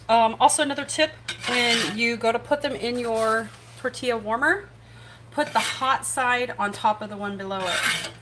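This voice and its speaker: A woman's voice: fairly high pitch, background noise. A woman hosting a casual home cooking livestream in her kitchen, chatty and rambling, poking fun at herself. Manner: chatty, rambling, self-deprecating. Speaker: cooking show host.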